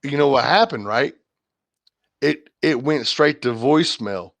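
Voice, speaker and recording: A man's voice: medium pitch, measured pace, vocal fry, a bit bright, no echo. A man hosting a livestream, talking casually and rambling, with lots of fillers and restarts. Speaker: livestream host. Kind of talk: casual chat.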